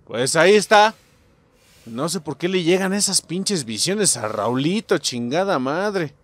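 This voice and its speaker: A man with a Mexican accent commentating a video game as host, excitable and swearing, shouting at the game. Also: fairly high pitch, unhurried, dry recording. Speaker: gaming channel host. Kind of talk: let's play commentary.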